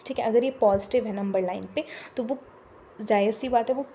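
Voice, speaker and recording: A woman teaching a maths lesson, switching between Hindi and English and explaining step by step with pauses and fillers. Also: on the high side, dark tone, highs cut off, a little hiss or hum.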